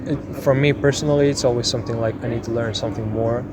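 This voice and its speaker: A man's voice: medium pitch, fairly even intonation, fast, very noisy. A man who works in music and fine arts, rambling with many fillers in an interview. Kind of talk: casual interview.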